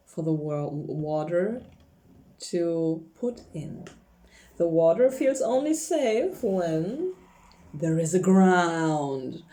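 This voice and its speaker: Doing a tarot card reading, a woman from Poland talks casually in a warm voice that sits on the low side. Polish is her first language, so she often hunts for English words, and she laughs frequently.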